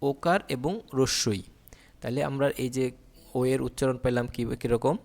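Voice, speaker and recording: A man's voice: mid-range voice, moderate pace, a little mellow. A man teaching an exam-prep grammar lesson. He explains step by step, asking questions and answering them himself.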